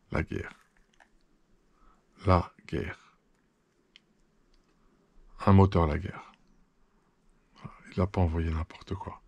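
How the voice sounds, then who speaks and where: A man's voice: deep voice, a little mellow, husky. A man hosting a hobby channel, chatting through an unboxing, thankful and full of fillers and restarts. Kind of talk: casual unboxing chat.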